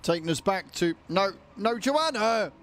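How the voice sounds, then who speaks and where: Male game streamer, slightly higher-pitched, informal and chatty live commentary to viewers over light background music. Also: moderate pace. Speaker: livestreamer, gamer. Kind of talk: casual livestream chat and game commentary.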